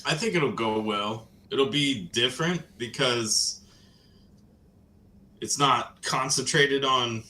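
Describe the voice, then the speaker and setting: A man's voice: medium pitch, slow, sharp tone. A man co-hosting a casual livestream, easygoing and matter-of-fact. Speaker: co-host.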